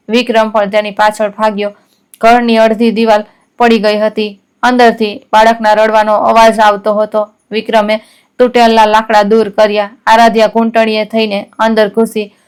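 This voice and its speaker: Clear-voiced woman narrating a story. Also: medium pitch. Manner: steady, even, measured reading.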